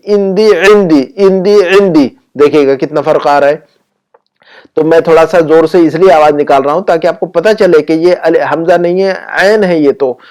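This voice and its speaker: A man teaching spoken Arabic, explaining patiently with frequent fillers and slowly repeating example phrases. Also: on the high side, darkish tone. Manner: slow, drawn-out repetition of example phrases.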